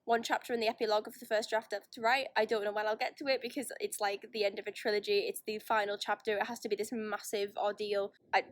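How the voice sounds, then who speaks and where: A woman's voice: mid-range voice, level tone, quick pace, hardly any pauses, dry recording. A young woman chatting casually in a holiday vlog filmed on the phone in her hand, rambling and self-deprecating with frequent restarts. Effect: phone video recording. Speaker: vlogger. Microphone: phone held in hand.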